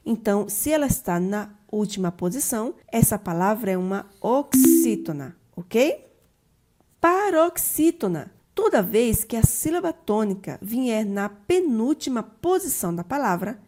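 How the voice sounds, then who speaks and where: A woman teaching grammar online in a fairly high voice. She works through each step in order. She slows right down to stress every example word. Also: dark tone. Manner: methodical, slowly stressed example words.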